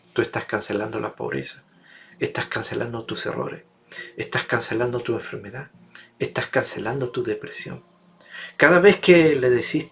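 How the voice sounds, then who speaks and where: Male preacher, sermon delivery, emphatic repetition, gravelly voice. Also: medium pitch, a bit bright. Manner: emphatic, builds repetitive rhetorical lists.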